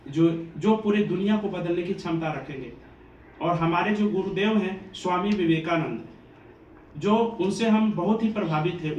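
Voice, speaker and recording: A man from Bihar who runs a coaching institute, giving an earnest, devotional motivational address to students. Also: sits high. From Bihar, India. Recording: echoey room, distant mic, faint ambient noise.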